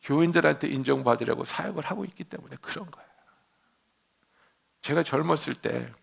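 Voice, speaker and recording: A male pastor delivers a sermon in a church, his voice pitched high with a gravelly edge. He tells stories with feeling, dropping to hushed whispers and then rising to loud exclamations. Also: fairly quick. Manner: animated storytelling preacher, swings from hushed whispers to loud exclamations. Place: church sanctuary.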